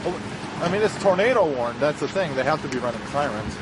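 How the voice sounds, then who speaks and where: A man's voice: medium pitch, animated, quick pace. A man talking casually in the field as a storm chaser. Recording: very loud wind and vehicle noise.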